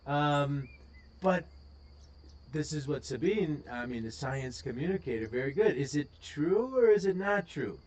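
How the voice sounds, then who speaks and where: Rambling Wisconsin man hosting a stream. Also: mid-range voice. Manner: rambling, full of ums and uhs. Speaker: host. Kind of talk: casual live-stream commentary.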